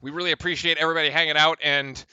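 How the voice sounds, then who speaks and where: A man with a bright, ringing, fairly high voice calls the game play-by-play for a fan livestream. He talks fast and turns to chat between plays, raising his voice on big plays. The sound is clean and close, with no room echo. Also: clear, resonant tone, highs cut off. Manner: excitable, shouts on big plays, chatty with chat. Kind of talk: live fan commentary.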